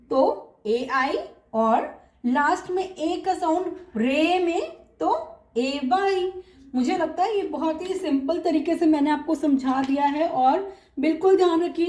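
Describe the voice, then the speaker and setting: A woman's voice: sits high, darkish tone, reverberant. A woman teaching English phonics, patiently working through examples and checking that her students follow. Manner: patient, drawn-out examples, frequent check-ins like "clear?". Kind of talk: phonics lesson in Hindi.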